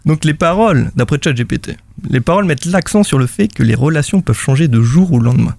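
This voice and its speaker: Guy doing a half robot voice reading out some ai answer, stiff and mock serious, kinda gravelly. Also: a little high, lively intonation, fast, darkish tone, dry recording. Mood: mock robotic. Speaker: radio show columnist.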